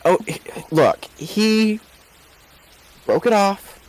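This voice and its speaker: A man's voice: high voice, big pitch swings, very slow, a little mellow, voice pushed up, full character voice, rough recording. A man playing a stammering, flustered young woman. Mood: rueful.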